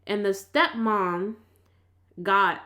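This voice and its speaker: A woman chatting casually and arguing her point in an insistent, colloquial, animated way. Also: mid-range voice, extremely slow. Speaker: vlog host. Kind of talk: casual argumentative chat.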